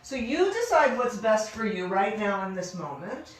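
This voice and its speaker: A woman instructing a yoga class in a careful, unhurried way, gently cueing each step with informal encouragement. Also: mid-range voice, very animated. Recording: very echoey room, distant microphone.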